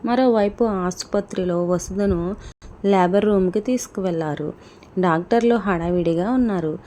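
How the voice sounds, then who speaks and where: A woman's voice: medium pitch, moderate pace, mellow, a little hiss or hum. A woman narrating a dramatic story in scripted storytelling style.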